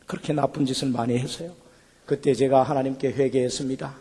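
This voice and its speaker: A man's voice: mid-range voice, steady tone, a little fast, mellow, breathy edge. A male pastor giving an emotional testimony sermon in a church sanctuary. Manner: emotional storytelling. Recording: long church hall reverb, faint music.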